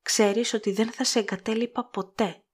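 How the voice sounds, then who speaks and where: Woman doing a soft-spoken timid young woman. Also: on the high side, steady tone, slightly rough, voice pushed up. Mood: gentle. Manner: soft, anxious, hurried.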